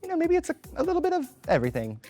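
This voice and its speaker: A man's voice: very high-pitched, wildly swooping pitch, rapid-fire, dark tone, soft background music. A man as a guest in a casual chat, blunt with a dry, teasing edge.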